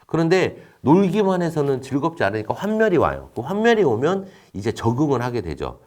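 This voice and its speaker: A man giving a recorded lecture in an explanatory tone, asking questions and then answering them himself, with frequent fillers. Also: brisk. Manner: explanatory, asks and answers his own questions; frequent fillers, lively rises and drops in pitch.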